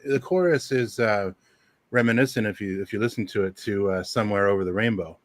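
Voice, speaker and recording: A man's voice: lowish voice, fairly quick, no echo. A man who hosts a radio show, chatting casually and rambling through music picks with lots of ums. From Southern Ontario. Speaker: radio host. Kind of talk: casual livestream chat.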